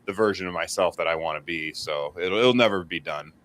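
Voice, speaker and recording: Man, late thirties, lowish voice, bright tone, guest on a video call. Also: a little fast. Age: 30s. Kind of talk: casual livestream chat.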